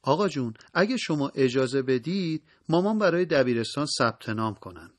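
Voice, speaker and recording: A man's voice: mid-range voice, sing-song, dry recording. A man reading an earnest young daughter. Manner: soft, respectful, pleading. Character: earnest teenage daughter, quiet and determined.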